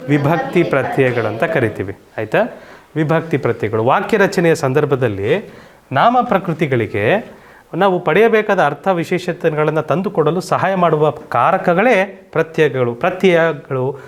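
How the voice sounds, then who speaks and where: A male teacher leads a classroom grammar lesson. His voice sits a bit high for a man, and he keeps quizzing the children and repeating each point patiently. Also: expressive, measured pace.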